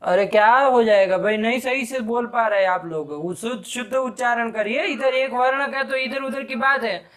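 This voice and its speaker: A very high-pitched man with a fairly bright tone teaches Sanskrit grammar live, briskly testing his students and reprimanding them sharply over mistakes.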